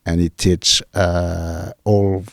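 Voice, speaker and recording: A man with a French accent, a journalist guest speaking earnest, halting English on a radio show. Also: low voice, little pitch movement, gravelly, no room sound, studio quality. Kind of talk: casual interview talk.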